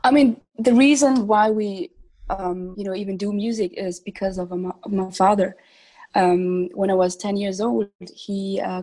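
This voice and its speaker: A woman's voice: medium pitch, dark tone, rough recording. Hesitant young woman from Switzerland. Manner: hesitant, many ums, laughs between thoughts. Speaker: singer, podcast guest. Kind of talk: casual interview answers.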